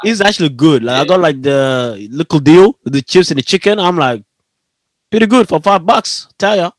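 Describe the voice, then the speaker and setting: A young man with a fairly high voice, recorded close and dry. He chats casually in loose slang, acting out anecdotes and often breaking into a giggle. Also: expressive, moderate pace, no room sound. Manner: slangy, says bro often, giggly storyteller. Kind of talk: casual chat, animated anecdotes.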